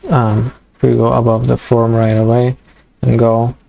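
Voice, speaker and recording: A young man walking through a coding tutorial in a halting way, full of fillers and restarts, as his voice gives out. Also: medium pitch, monotone, creaky, dark tone. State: losing his voice. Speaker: programming tutor. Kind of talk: screen-recorded coding tutorial.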